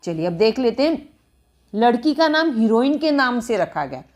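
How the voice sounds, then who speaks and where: A woman's voice: a little high, big pitch swings, normal speed, darkish tone. A woman teaching English phrasal verbs, repeating and dictating example sentences as she explains.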